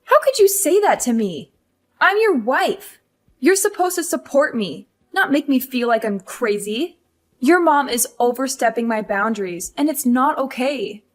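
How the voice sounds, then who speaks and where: Woman voicing a fed-up young wife, highish voice, exasperated and pleading, animated story. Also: a little slow. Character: frustrated young career wife.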